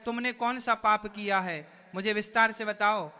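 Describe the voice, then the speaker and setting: A man voicing a kind old sage in a devotional story, speaking gently with concern. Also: high-pitched, steady tone, moderate pace, clear, resonant tone, long reverb tail. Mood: gentle concern.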